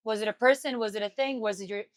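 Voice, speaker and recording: Fast, gushing young woman hosting. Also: a little high. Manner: enthusiastic, gushing, fast-talking. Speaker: interview host. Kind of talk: live event interview hosting. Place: live event stage.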